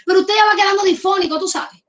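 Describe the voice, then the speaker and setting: A woman's voice: very high-pitched, steady tone, fast talker, fairly bright tone, soft background music. A middle-aged woman pastor from Colombia with a Caribbean Colombian accent, preaching a fervent sermon and calling for amens. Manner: fervent, emphatic preaching with repeated calls for amen.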